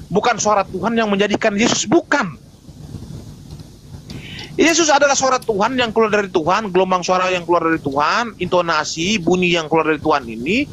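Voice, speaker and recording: Emphatic high-voiced male debater. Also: a bit bright, a little hiss or hum, rough recording. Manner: emphatic, repeats points and answers his own rhetorical questions. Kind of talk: live online debate argument.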